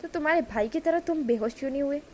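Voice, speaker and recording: A woman's voice: high voice, quick pace, mellow, a little hiss or hum, natural voice. A woman voicing a jealous, probing partner. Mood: suspicious. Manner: interrogating, probing. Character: suspicious young man, jealous partner.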